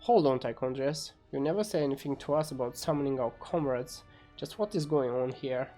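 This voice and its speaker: A man's voice: medium pitch, fairly quick, warm tone, faint music behind, natural voice. Man acting out an indignant, hot-tempered demon warlord. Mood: suspicious. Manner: formal, protesting. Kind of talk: amateur fantasy game machinima acting.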